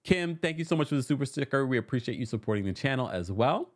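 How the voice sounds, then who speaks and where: A man's voice: medium pitch, quick pace. A man hosting a casual live-stream recap, reading messages and tossing off sassy commentary. His voice sits in a middling register but bounces around a lot, and he laughs easily between thoughts. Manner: sassy, animated, laughs often. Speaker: recap show host.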